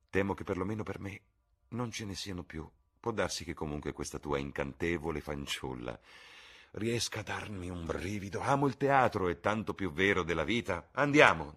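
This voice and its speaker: A man with a very deep, husky voice reading a witty, cynical aristocrat who speaks in ironic epigrams. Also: heavily acted.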